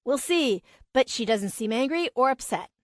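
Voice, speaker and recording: A woman's voice: fairly high pitch, expressive, normal speed, no echo, clean studio sound, pitched above the performer's own voice, lightly acted. A woman voicing an eager billionaire dad. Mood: excited. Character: eager single-father billionaire man.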